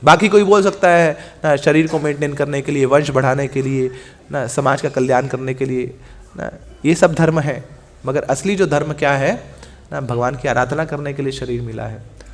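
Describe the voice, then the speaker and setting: A man preaching a scripture class in Hindi, telling the story in a lively way, acting out the dialogue, asking rhetorical questions and mixing in words. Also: medium pitch, moderate pace. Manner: lively storytelling, acts out the gods' dialogue, mixes in English words; asks the audience rhetorical questions and answers them.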